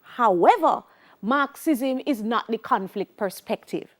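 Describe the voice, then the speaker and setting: A woman's voice: fairly high pitch, animated, takes it slowly. A middle-aged woman with a Jamaican accent teaching a televised sociology lesson, emphatic and repeating key points, slipping into Creole phrases.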